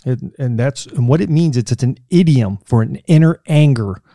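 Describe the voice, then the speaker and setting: Middle-aged male co-host, relaxed warm tone, conversational and easygoing. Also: medium pitch, normal speed, dry recording, clean studio sound. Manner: conversational, laughs easily, repeats words. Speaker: podcast co-host. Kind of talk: casual faith podcast chat.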